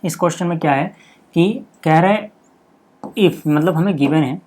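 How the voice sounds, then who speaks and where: A man teaching a maths lesson step by step, checking in constantly with "okay" and repeating the key steps slowly. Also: fairly high pitch, darkish tone.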